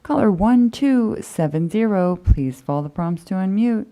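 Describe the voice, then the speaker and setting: A woman moderator calling the next callers in a brisk, routine way. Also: medium pitch, lively intonation, mellow. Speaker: meeting moderator. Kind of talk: reading call-in queue.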